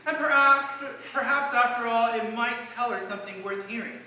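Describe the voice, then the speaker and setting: A man's voice: very high-pitched, moderate pace, bright, forceful tone. A man narrating a storybook scene in a live stage reading in a church. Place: church sanctuary. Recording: echoey church hall from far off, faint hiss.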